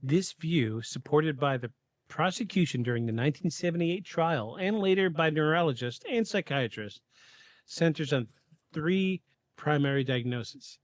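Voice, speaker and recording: A man hosting a podcast, reading a prepared script in a measured way, with occasional stumbles and quick asides. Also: on the high side, expressive, no echo, studio quality. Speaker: podcast host. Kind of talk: scripted narration of a paranormal case.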